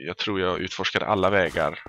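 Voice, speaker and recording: A Swedish man with a deep, steady voice does let's play commentary in a very noisy recording. Playful and casual, he often sings improvised silly lines and lets out exclamations as he plays.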